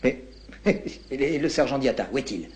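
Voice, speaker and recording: Male actor as a composed colonial captain, polite, unhurried, formal on the phone. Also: mid-range voice, animated, a little mellow, natural voice. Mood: calm. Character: composed French colonial captain, courteous and detached. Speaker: army captain. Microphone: telephone call.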